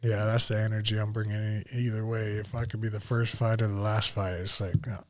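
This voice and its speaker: Fairly quick and flat, with a voice on the low side, this late-thirties American fighter from Utah talks loosely on a podcast interview, full of slang and free cursing as an MMA guest.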